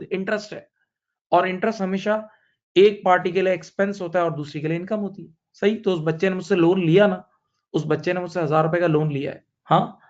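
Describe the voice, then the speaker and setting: A man's voice: high-pitched, muffled recording. A man teaching accounting, asking his students questions and answering them himself, repeating each point and telling a story to explain it. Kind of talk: classroom lecture.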